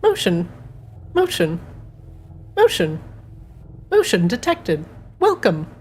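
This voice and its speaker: A woman's voice: medium pitch, wildly swooping pitch, slow pace, darkish tone, a little hiss or hum. Woman voicing a glitching clockwork robot. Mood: flat mechanical. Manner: clipped, repetitive machine announcements. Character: glitching clockwork machine, stuck in error loops. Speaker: game master. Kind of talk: narrating a tabletop game.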